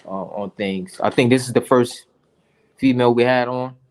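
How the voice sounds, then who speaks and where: A man's voice: mid-range voice, fairly even intonation, normal speed. A man co-hosting a casual online chat over a video call, laid-back, agreeable and slangy. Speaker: podcast co-host.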